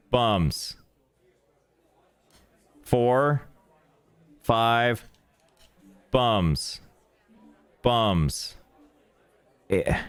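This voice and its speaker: A man's voice: fairly low pitch, fairly bright tone. A man streaming a game, giving goofy, playful commentary full of exclamations. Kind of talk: let's play commentary.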